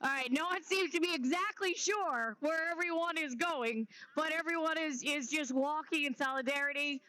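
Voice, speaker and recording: A woman's voice: high voice, sharp tone, poor audio. A woman reporting live from a street march, talking casually with fillers and a little out of breath. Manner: conversational, halting with fillers. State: slightly out of breath. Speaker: field reporter. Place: outdoors on a city street during a march.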